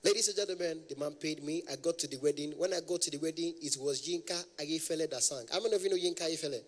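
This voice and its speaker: Stand-up: young Nigerian man, event MC, playful and formal, slightly high voice. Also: fast, in a large hall. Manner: playful, flattering, addresses the audience formally. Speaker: comedian and MC.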